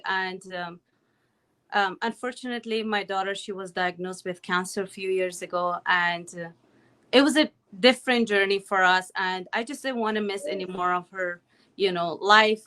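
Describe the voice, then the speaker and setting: Her voice is mid-range with a fairly bright tone: a thirty-something Afghan woman, an accountant and online business owner, chatting earnestly as an interview guest via video call. Speaking from her Calgary home in casual conversation, she fills her speech with "you know" and "right."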